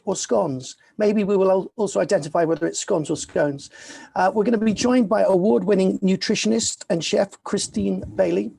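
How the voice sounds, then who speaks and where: A man's voice: high-pitched, gravelly, warm tone. A man hosting a virtual festival, introducing the next guest in an upbeat way with frequent ums and uhs. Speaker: festival host.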